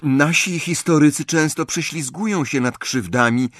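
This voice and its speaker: Read by a man, a bookish teenage girl explains things in a measured, thoughtful way, in a voice raised above the reader's usual one. The recording is dry and close. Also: a little high, a bit bright, dry recording, voice pushed up.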